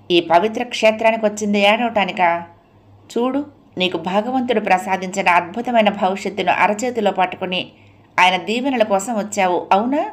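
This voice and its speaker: A woman's voice: mid-range voice, natural voice. A woman voicing a caring, insistent young friend. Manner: soothing, then coaxing and insistent. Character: young woman urging her friend firmly but tenderly.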